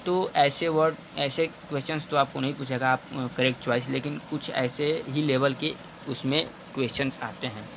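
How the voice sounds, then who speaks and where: A man's voice: medium pitch, fairly even intonation, gravelly, noisy background. A young man teaching English for exam preparation, explaining each question at length and calling his viewers friends. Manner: reads English question lines slowly, then explains in Hindi. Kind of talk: exam-prep lesson.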